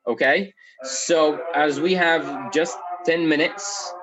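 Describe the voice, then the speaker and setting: A man's voice: fairly high pitch, slow pace, crowd noise. A man from Egypt with an Egyptian accent, teaching an IELTS speaking class and checking in often with "okay". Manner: explains with repeated okay checks. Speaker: English teacher.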